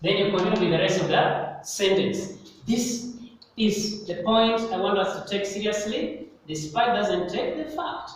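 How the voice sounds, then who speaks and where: A man teaching an English grammar lesson, speaking slowly and repeating and stressing key words, recorded in a classroom. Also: sits high. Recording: echoey hall, mic far off, faint noise.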